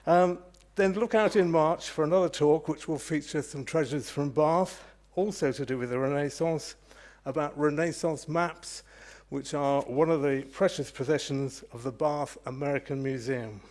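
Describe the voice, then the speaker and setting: A man hosts a lecture evening and introduces the guest speaker. He speaks in a measured way, with a few fillers along the way. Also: on the high side, darkish tone. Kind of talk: event introduction.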